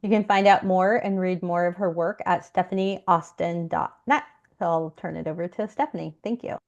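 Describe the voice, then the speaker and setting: Low-voiced woman hosting, muffled audio. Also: normal speed, vocal fry. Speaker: event host. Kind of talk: introducing a reader.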